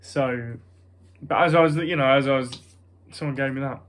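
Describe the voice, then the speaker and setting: At a moderate pace, this young man with a British accent talks in a nasal voice of middling pitch, with a little hiss or hum in the recording. The vlogger wanders through his casual chat, hesitant and self-conscious, often dropping one thought halfway and jumping to a new one.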